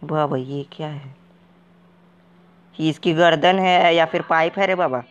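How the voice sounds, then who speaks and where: A man with a fairly high, natural voice, heard through dull audio, puts on a bumbling game wanderer for a gaming video. The comic commentary stays in character: clueless, excitable and uneducated, baffled and jittery, jumpy and naive, nearly every line ending in a drawn-out "re baba."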